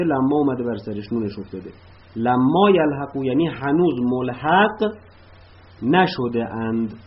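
A man teaching an Arabic grammar lesson, patiently explaining and reciting verb forms in drills, with "uh" pauses between points. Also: mid-range voice. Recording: slightly dull lo-fi recording with faint noise.

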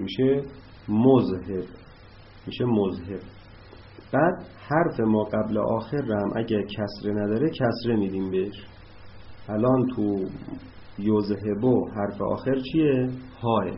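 A man teaching an Arabic grammar lesson, explaining word patterns slowly and patiently as he writes examples on a board. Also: on the low side. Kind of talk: classroom lesson. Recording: dull lo-fi recording with faint noise.

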